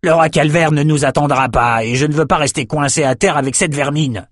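Man playing a brutish reptile-faced raider, barking orders impatiently, pitched up, dry booth sound. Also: fairly quick, dry recording, lightly acted.

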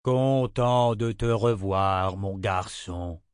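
A man reading an audiobook, voicing an old male wizard who speaks in a slow, measured, sober way. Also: on the low side, smooth, no room sound, studio quality.

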